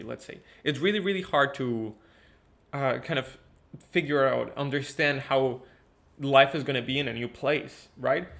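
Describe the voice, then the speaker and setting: A man's voice: medium pitch, gravelly. Young guy from ecuador, laid-back chatty guest, lots of ums and repeats. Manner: relaxed, chatty, frequent fillers and repeats. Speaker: guest musician. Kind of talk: casual interview talk.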